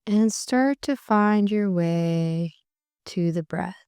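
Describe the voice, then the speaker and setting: In a warm, mellow voice pitched slightly low, a woman leads a meditation, speaking slowly and softly so her soothing phrases draw out at length. The recording is studio quality with no echo, and her voice comes across very smooth and clear.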